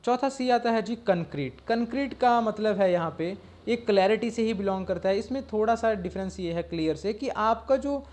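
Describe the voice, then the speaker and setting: A man's voice: high voice, moderate pace, hardly any pauses, a little mellow. A man explaining an exam-prep lesson step by step, often checking in with a short "okay" and reading slide lines out in English. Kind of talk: slide-based lecture.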